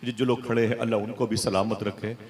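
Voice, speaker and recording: A man delivers an impassioned sermon to a seated gathering, his voice sitting a little low. He talks straight to the listeners and swells into fervent, rhythmic declamation. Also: level tone, fairly quick, darkish tone. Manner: addresses the audience directly, swells into declamation. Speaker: preacher.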